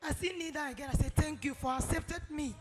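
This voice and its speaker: In a large church hall, a middle-aged woman gives a fervent testimony into a handheld mic, finishing in sung praise. Her voice sits high and moves at a quick pace, with loud music behind it.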